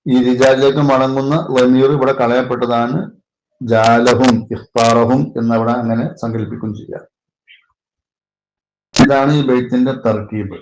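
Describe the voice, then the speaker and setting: A man with a Malayalam accent, working as a religious teacher, slowly explains the grammar of a classical Arabic poem and parses it word by word. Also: mid-range voice, level tone, darkish tone. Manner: slow, deliberate parsing with Arabic terms. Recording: echoey room with faint noise.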